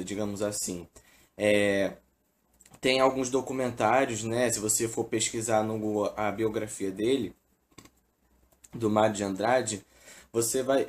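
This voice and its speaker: A man with a Brazilian Portuguese accent giving an informal literature lesson, filling his sentences with tag questions and hesitations. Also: mid-range voice. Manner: casual, fills with "né" and "é". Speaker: teacher.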